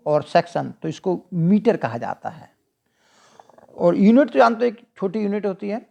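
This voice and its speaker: Slow, gravelly Indian-accented teacher. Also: mid-range voice, a little mellow. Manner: reads English questions slowly, then explains at length; asks the listener and answers itself. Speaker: English exam-prep teacher. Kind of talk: explaining multiple-choice questions.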